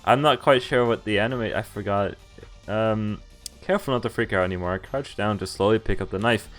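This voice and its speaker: Reading a visual novel aloud during a game stream, a man mixes in lighthearted, joking remarks. His lowish voice is brisk and a bit bright, and game music runs in the background.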